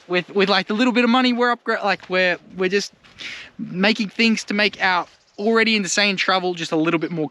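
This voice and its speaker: Speaking in a sharp, mid-range voice, this Australian travel vlogger talks informally to his viewers, wandering between topics and using plenty of slang. He's filming at a campsite out in the rural bush, where birds and general noise fill the outdoor recording.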